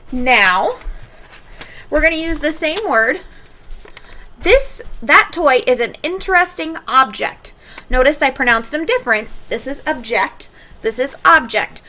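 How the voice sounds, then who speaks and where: Woman teacher, recorded lesson, high voice, slow deliberate emphasis. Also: sharp tone, slight background noise. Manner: clear, deliberate explaining, stretches words slowly for emphasis.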